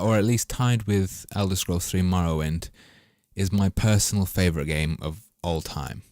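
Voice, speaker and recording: A man's voice: low-pitched, darkish tone, no echo, studio quality. A man chatting casually and wryly over his gameplay footage, rambling and swearing as he goes. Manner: rambling, wry and profane. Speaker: gaming commentator.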